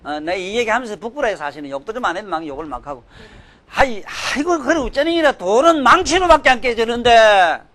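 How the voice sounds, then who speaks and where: Scolding older man preaching, high voice. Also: lively intonation, a little fast. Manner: scolding, emphatic, swings from loud outbursts to low mutters. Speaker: Buddhist dharma teacher. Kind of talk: sermon.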